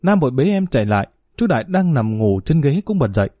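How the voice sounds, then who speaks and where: A man narrating a family drama story in a calm, steady reading voice. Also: mid-range voice, fast talker, no echo, clean studio sound.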